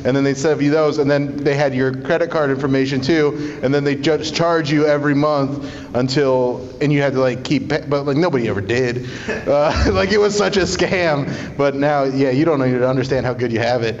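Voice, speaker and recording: A man's voice: mid-range voice, moderate pace. Male stand-up comic doing echoey crowd work. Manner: casual, conversational, profane. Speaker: stand-up comedian. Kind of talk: stand-up comedy crowd work, bantering with the audience. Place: small live comedy show in a climbing gym. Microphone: handheld stage microphone, recorded from the audience. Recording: muffled live room sound, long reverb, audience noise. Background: audience laughter.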